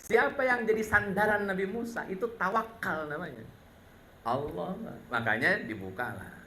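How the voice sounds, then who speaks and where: A man's voice: high voice, lively intonation, normal speed, pushed and bright. A man preaching a sermon, telling stories with humor and repeatedly addressing his listeners directly. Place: mosque hall. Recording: echoey mosque hall with faint noise.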